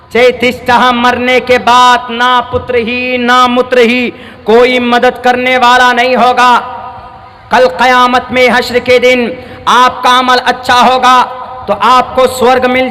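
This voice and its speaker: Slow and completely flat in delivery, this very high-voiced, forceful man preaches fiery oratory to a crowd, repeating phrases for emphasis. He blends recited scripture with English words, and the noisy PA recording is drenched in long reverb.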